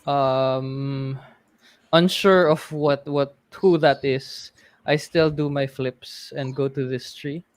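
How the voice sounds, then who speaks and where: A playful man talks through his character's moves, laughing and slipping in Tagalog words. His mid-pitched voice is dry and close to the microphone, with no room sound. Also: steady tone, slow, clear, resonant tone, dry recording. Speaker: player. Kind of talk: casual tabletop play.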